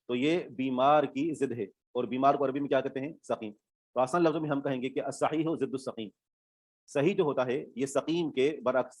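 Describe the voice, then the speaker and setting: A man's voice: mid-range voice, no echo. A male Islamic studies teacher giving an online class lecture, explaining terms step by step, repeating them and checking that students follow.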